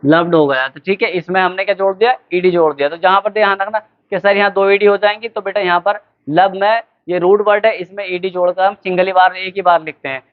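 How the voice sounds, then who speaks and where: High-voiced man teaching grammar, tinny sound. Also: fairly even intonation, clean tone. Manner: addresses students as beta, asks and answers own questions; spells words letter by letter slowly. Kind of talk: classroom lesson. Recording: tinny phone-like lo-fi recording.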